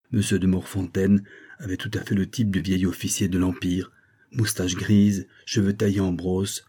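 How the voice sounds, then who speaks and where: Man reading an audiobook, low voice, dark and husky, steady pace. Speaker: audiobook narrator. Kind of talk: audiobook narration.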